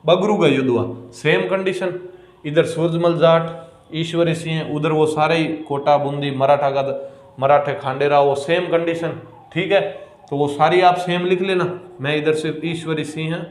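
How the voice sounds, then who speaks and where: A man with a Rajasthani accent giving a history lecture for exam students, repeating key words slowly and asking questions he answers himself. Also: on the high side, steady tone, roomy sound. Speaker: exam coaching teacher.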